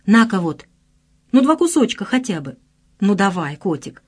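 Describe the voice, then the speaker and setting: A woman voicing a fussing, doting middle-aged mother in an audiobook, scolding with lively pitch swings. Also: normal speed, husky. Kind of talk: audiobook character reading.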